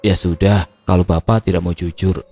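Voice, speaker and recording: A man's voice: deep voice, steady tone, moderate pace, vocal fry, mellow. A man voicing a curious young mother who asks questions directly. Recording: music playing behind.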